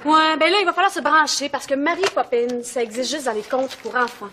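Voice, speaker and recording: A worn-out young mother with a Quebec French accent, played by a woman, her voice bright and high. She talks fast with exasperated retorts over loud noise in the recording. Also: fairly even intonation, lightly acted. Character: tired young mother hunting a nanny. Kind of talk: sitcom acting.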